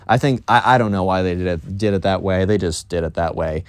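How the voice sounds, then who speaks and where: A man's voice: sits low, a little fast, smooth, no room sound. Rambling young storytelling man, dry sound. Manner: rambling, filler-heavy. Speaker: storytime YouTuber. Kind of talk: casual storytime vlog.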